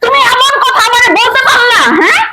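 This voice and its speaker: A woman's voice: fairly even intonation, brisk, pushed and bright, echoey room, full character voice. A woman playing a hot-tempered, quarrelsome wife in a comedy drama. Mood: angry. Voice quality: shrill, quarrelsome. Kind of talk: short comedy drama acting.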